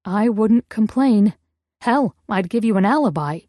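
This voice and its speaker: A woman voices a frightened but defiant young heroine in an audiobook. Her lines come raised and pleading, at a slow pace, in a dry close sound. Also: mid-range voice, lively intonation, dark tone, no echo, lightly acted. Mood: wry.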